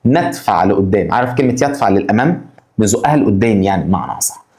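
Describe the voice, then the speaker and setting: Lively Egyptian man teaching English vocabulary. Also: lowish voice, echoey room. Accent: Egyptian Arabic. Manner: addresses students directly with quick rhetorical questions. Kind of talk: exam-prep lesson explaining vocabulary.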